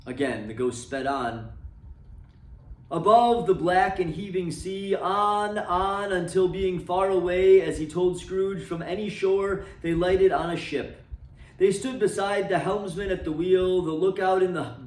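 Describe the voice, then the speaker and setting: Reading a classic novel for a library, a man speaks a little slowly, with dramatic expression and phrase endings that drop low and soft. The sound is reverberant, and he is far from the mic.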